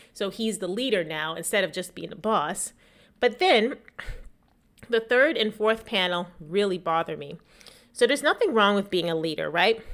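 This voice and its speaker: A woman's voice: mid-range voice, fairly bright tone. A woman hosting a casual explanatory talk in a slightly shaky voice worn by a lingering cough, making her points emphatically and with opinion. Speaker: host, small business technology educator.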